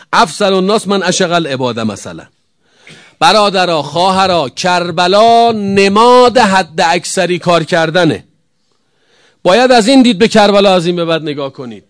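Man, sermon, high voice, emphatic rhetorical questions, dry close sound. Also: no room sound. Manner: emphatic, rhetorical questions, sweeping swings in loudness. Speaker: preacher. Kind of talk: religious sermon.

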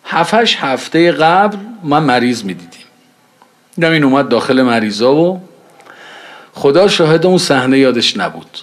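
Man, preacher, conversational storytelling talk, acts out dialogue, medium pitch. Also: big pitch swings.

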